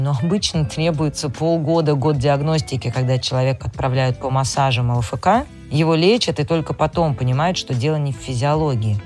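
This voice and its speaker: A man co-hosting a podcast, explaining things in a conversational style. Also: a little high. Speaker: podcast co-host.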